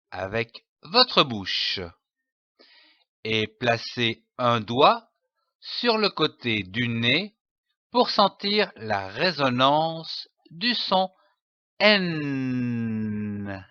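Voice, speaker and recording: Very slow, lively-voiced man teaching reading. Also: medium pitch, no room sound, muffled recording. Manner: spells out letters and sounds deliberately. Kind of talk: slow syllable-by-syllable reading lesson.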